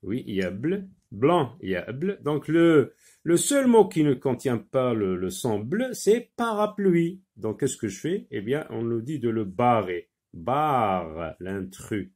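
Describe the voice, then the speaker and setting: Male teacher, phonics drill, unhurried delivery with frequent hesitations, mid-range voice. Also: medium pitch, sing-song, a little mellow. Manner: slow, halting, many fillers, repeats words for drilling. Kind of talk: phonics lesson.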